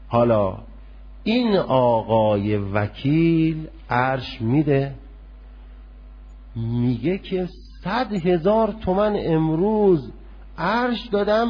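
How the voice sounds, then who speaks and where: Man lecturing on law, husky and high. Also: lo-fi sound. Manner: argumentative, poses hypothetical cases. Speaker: religious law teacher.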